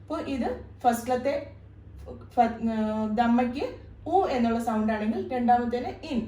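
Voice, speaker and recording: A woman tutor explains a lesson in a patient, methodical way, going over each point more than once. Her voice sits a little high. She is recorded at some distance from the mic in an echoey room. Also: normal speed, mellow. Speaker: Arabic tutor. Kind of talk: step-by-step lesson.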